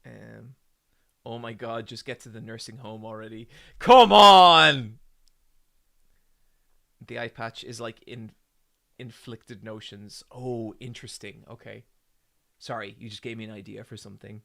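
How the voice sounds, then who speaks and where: A man's voice: medium pitch, measured pace, gravelly, pauses often, sharp tone. A man in his forties chatting casually with his stream audience, joking and rambling with lots of ums. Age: 40s. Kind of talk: casual live-stream chat with viewers.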